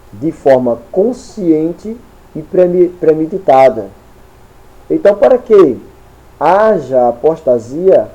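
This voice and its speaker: A man with a Brazilian Portuguese accent teaching a Sunday school Bible lesson in slow, deliberate short phrases. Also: fairly high pitch, dark tone, low-quality recording.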